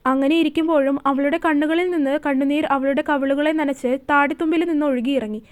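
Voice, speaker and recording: A woman storyteller narrating a romance serial in a steady, expressive reading voice. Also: sits high, brisk.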